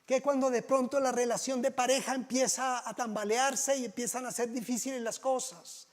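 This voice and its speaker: A pastor delivers a sermon in a conversational, storytelling way. He often asks rhetorical questions. His voice sits very high for a man. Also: fairly even intonation, moderate pace.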